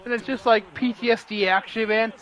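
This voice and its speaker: A man's voice: high voice, fairly even intonation, a little fast, a bit bright. A young man in casual gaming banter, rambling with lots of fillers, laughing and swearing. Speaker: gaming friend.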